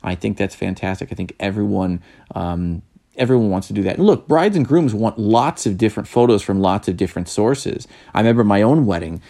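A man with a low, gravelly voice talks casually as a wedding photographer giving advice. He rambles, circles back and repeats himself, and he gets blunt and a little worked up. The tone stays loose and conversational. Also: lively intonation, fairly quick, mellow. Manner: rambling, many restarts and repeated words.

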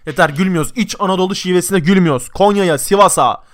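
A man's voice: high voice, fast, a little hiss or hum. A man in a casual podcast chat with friends, opinionated and emphatic, swearing casually. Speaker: podcast co-host.

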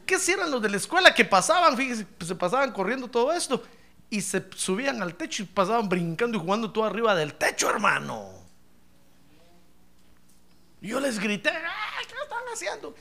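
Middle-aged male pastor, animated storyteller, high bright voice, gravelly edge. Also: quick pace. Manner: animated storytelling, addresses listener as brother, swings from hushed to shouting. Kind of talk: sermon with anecdotes.

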